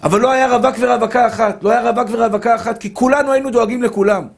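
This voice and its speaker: A rabbi with a notably high voice preaches to a room of listeners. He drives home each point by saying it again and again, and he keeps warmly calling the listeners his dear brothers. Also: fairly even intonation, gravelly. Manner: emphatic, repetitive, addresses listeners as dear brothers. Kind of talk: Torah lesson to a live audience.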